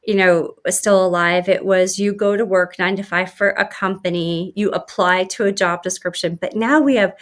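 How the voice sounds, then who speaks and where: A woman's voice: medium pitch, steady tone, normal speed, hardly any pauses. A woman hosting a podcast, chatty and affirming, often restarting her phrases. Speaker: podcast host. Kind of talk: conversational interview.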